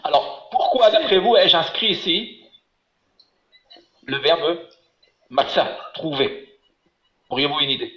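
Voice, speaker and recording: Man, patient Hebrew teacher on a webinar, slightly high voice, dull echoey call audio. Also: animated, slow pace, pauses often. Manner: patient, encouraging, explains step by step. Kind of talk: online class, teaching.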